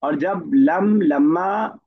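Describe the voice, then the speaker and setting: A man's voice: fairly high pitch, drawn-out words, husky, phone-quality sound. A man teaching an online Arabic grammar class, explaining patiently and quizzing his students by name.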